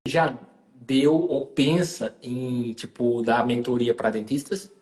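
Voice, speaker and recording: A man's voice: mid-range voice, fairly even intonation, slow pace, a little mellow. A man hosting a live conversation, talking emphatically and often addressing his guest by name. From Pernambuco, Brazil. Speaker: live stream host. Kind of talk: casual conversation.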